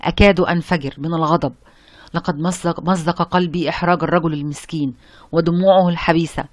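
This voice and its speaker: A reader voicing the doctor's warm-hearted male friend, speaking in an earnest, impassioned way. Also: mid-range voice, no echo, clean studio sound, lightly acted.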